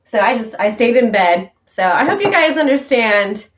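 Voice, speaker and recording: Talking from home in a casual morning vlog, a female vlog host and voice worker chats to viewers in a rambling way, a little congested from her sinuses. Her voice is on the high side and sing-song, at a normal speed.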